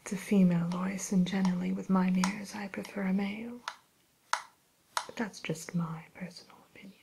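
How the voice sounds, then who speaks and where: A woman playing a haughty evil fairy-tale queen turned shopkeeper in a breathy ASMR whisper, speaking in a genteel, unhurried way. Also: mid-range voice, fairly even intonation, noisy background, natural voice. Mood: genteel, disdainful. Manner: genteel, aloof, unhurried, hesitant pauses.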